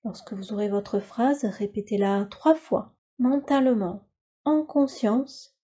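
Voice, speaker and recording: A woman instructs a yoga nidra session, her guided relaxation delivered in calm, soothing, measured phrases. Her voice is a little high and husky, and the recording is muffled.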